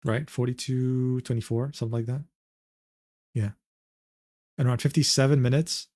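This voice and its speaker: A man's voice: mid-range voice, fairly even intonation, moderate pace, darkish tone, no room sound, clean studio sound. A man streaming live, talking brashly and profanely while reacting to clips.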